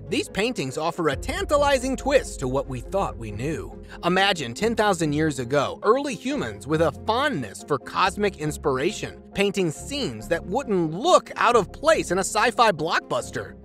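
A man delivers scripted countdown narration with a playful, slangy manner. His pitch sits a little high and swings widely from line to line. A music bed runs quietly underneath. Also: big pitch swings, moderate pace, hardly any pauses.

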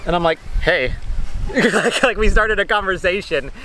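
A man's voice: high-pitched, animated, normal speed, a crowd in the background, rough recording. A young man from the American Midwest, joking and bantering sarcastically in a casual vlog recorded outdoors on a beach. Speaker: vlogger. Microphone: camera on a tripod, later handheld at arm's length.

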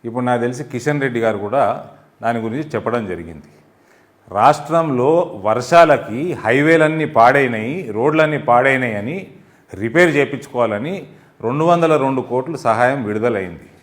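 A man's voice: mid-range voice, moderate pace. A man, a party spokesman answering in a heated political interview, scolding and sarcastic, firing rhetorical questions.

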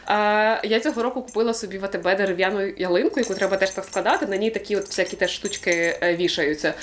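A young woman vlogging from home as she unboxes a gift, chatty and thankful, often pausing with fillers. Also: mid-range voice, slight background noise. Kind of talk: casual unboxing chat. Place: home room.

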